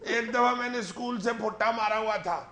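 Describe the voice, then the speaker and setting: A man's voice: high-pitched, bright, forceful tone. A man playing a cheeky young male college student who fibs to his father, telling stories with giggles in a sketch comedy interview. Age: young adult. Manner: giggling, boastful storytelling. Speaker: comic guest. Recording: roomy studio with audience laughter.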